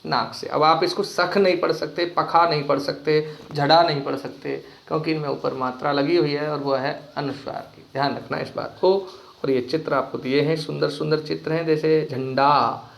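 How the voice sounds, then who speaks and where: Male teacher, slightly high gravelly voice, patient question-and-repeat classroom delivery, echoey room. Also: steady tone. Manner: asks pupils questions and repeats key words slowly. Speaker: Hindi teacher. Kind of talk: classroom grammar lesson.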